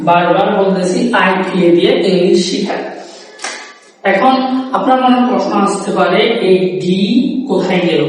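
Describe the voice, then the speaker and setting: A young man giving a pronunciation lesson, sounding out single sounds slowly and mixing in English. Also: high-pitched, slight background noise. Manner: repeats single sounds slowly and stresses points; mixes Bengali and English. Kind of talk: video lesson. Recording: echoey room, distant mic.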